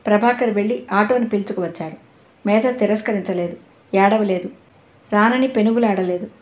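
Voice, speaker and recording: A woman narrating an audio novel in a calm, measured storytelling voice. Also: mid-range voice. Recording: roomy echo.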